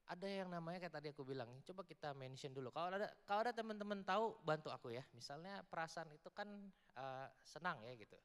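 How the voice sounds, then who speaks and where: A man giving a casual youth sermon, joking and quizzing the audience while mixing in English words. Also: fairly high pitch. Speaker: youth preacher. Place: large church hall before a youth audience. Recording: long echoing hall reverb.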